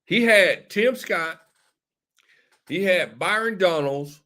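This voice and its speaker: A man's voice: sits high, expressive, slow pace, pushed and bright. A tipsy man hosting casual political commentary, laughing and rambling, repeating himself often. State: a little tipsy. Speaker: show host.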